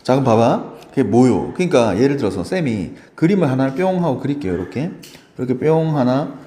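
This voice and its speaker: Brisk and animated, this male math teacher lectures his students in a mellow, dark voice whose pitch swings freely. He's chatty and encouraging, pausing often to check they're keeping up, while his voice echoes a little around the roomy space.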